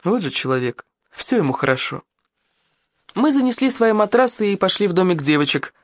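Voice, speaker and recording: A man narrating an audiobook in the first person, with lively, expressive storytelling. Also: high voice, brisk.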